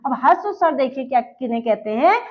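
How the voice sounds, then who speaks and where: A woman's voice: high voice, animated, brisk. A woman teacher giving a grammar lesson, asking her class questions and answering them herself. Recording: dull lo-fi sound.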